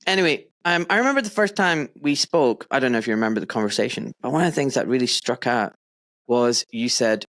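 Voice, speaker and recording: A man with an expressive, medium-pitched voice and a fairly bright tone talks fast while hosting a podcast remotely. The interview chat is casual and animated, with laughter and friendly slang.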